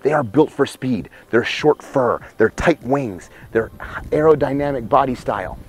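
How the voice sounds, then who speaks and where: A man, hosting a wildlife show outdoors by a cave, presenting with excited, emphatic showmanship on a lapel mic. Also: medium pitch, normal speed. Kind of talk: enthusiastic outdoor nature presenting. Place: outdoors by a cave in open country.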